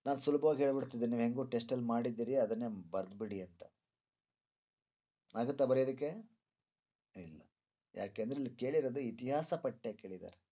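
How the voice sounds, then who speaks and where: A male teacher with a medium-pitched, mellow voice lectures students through exam questions, talking fairly quickly but pausing often. He's didactic, repeating points and posing rhetorical questions, and the sound is dull and lo-fi.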